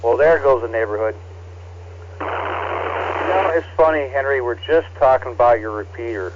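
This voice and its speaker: A man's voice: medium pitch, background noise. Man running a ham radio net over the air. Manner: relaxed, halting, reads call signs with many fillers. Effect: heard over a ham radio transceiver. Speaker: net control operator of an amateur radio net. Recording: dull, lo-fi radio audio.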